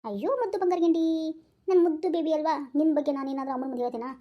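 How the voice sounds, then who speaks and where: A woman voices a timid young husband in a cartoon, with a North Karnataka lilt. His voice sits high and runs fast, and his complaints come out as whimpers. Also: lo-fi sound, lightly acted. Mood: whining. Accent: North Karnataka Kannada. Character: meek whiny young husband, doctor. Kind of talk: cartoon voice acting.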